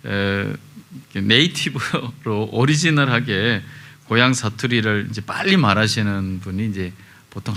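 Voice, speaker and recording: Bright-voiced pastor man, chatty sermon. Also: fairly low pitch. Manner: conversational storytelling with many pauses and fillers. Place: church sanctuary.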